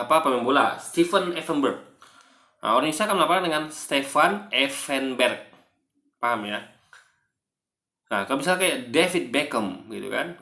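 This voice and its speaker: A man's voice: mid-range voice, creaky, sharp tone. A man giving rambling, casual video commentary, full of fillers and remarks to his viewers. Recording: roomy echo.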